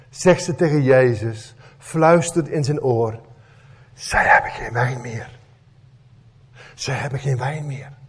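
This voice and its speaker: A man preaches a sermon at a slow, deliberate pace, his fairly high voice swinging widely in pitch. His tone is a little husky. He tells the story through dramatic rhetorical questions. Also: a little mellow. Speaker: pastor.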